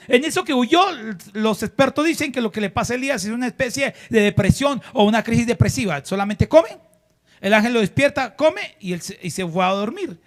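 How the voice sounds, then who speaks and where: A male pastor preaching a sermon to a congregation, firing rhetorical questions and asking the listeners to repeat phrases after him. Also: very high voice. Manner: shifts between loud exhortation and hushed emphasis.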